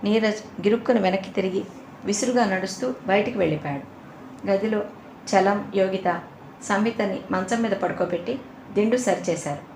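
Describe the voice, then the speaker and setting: A woman's voice: mid-range voice, moderate pace, darkish tone. A woman reading a novel aloud as a narrator, giving the characters' dialogue a slightly livelier lift in her own voice. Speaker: audiobook narrator. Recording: roomy echo, faint ambient noise.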